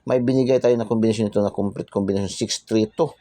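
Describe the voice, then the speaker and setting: Deep-voiced chatty man, dark tone. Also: steady tone, quick pace, no echo. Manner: chatty, repeats tag phrases and "ha?" constantly; drops into whispers for secret numbers. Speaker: lottery tip channel host. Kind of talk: casual channel talk.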